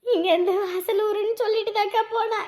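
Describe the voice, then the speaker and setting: A woman's voice: very high-pitched, fairly even intonation, fairly quick, a little mellow. A woman playing a frantic village wife who wails and pleads in panic. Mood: fearful. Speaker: worried wife in a village drama. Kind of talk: rural Tamil drama acting.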